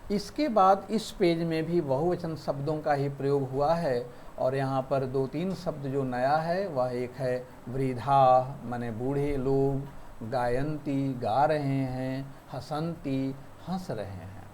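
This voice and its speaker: A man teaching a school Sanskrit lesson, reading out words and their meanings, spelling syllables slowly. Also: medium pitch, darkish tone, a little hiss or hum. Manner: slow, spelling out syllables one by one. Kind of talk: explaining a textbook lesson.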